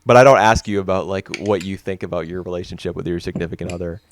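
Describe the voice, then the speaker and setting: A man's voice: deep voice, fast, noisy background. A man co-hosting a podcast, talking films casually with frequent restarts and fillers. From United States. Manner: hesitant, restarts often, chatty. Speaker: podcast co-host. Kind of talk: casual film discussion.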